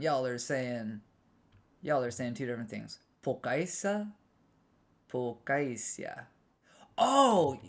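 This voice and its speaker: A young American man streaming a game, rambling casually and answering his chat with many restarts. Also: medium pitch. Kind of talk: casual live-stream chat while gaming.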